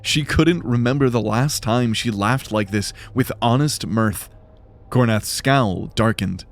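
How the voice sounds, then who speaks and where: A man narrates fantasy fiction in a scripted, dramatic storytelling style, with music playing behind him. His voice is medium-pitched and a little slow.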